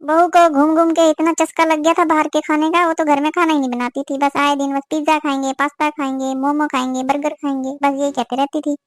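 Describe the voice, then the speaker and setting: A woman's voice: sits high, little pitch movement, brisk, few pauses, dry recording, studio quality, close to an everyday voice. A woman voicing an older, meddling village auntie who gossips and gives warnings in a cartoon. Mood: gossiping. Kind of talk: cartoon voice acting.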